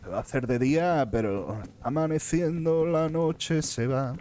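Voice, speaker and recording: A man's voice: on the high side, a little slow, a little mellow, a little hiss or hum. A man with a Spain Spanish accent giving live gameplay commentary as a streamer, muttering to himself and swearing often.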